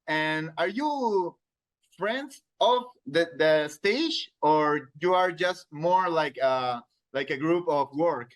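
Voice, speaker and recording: A radio interviewer in his thirties with a Peruvian Spanish accent conducts a casual, hesitant interview, searching for words in his second language. His voice is fairly high and fairly bright.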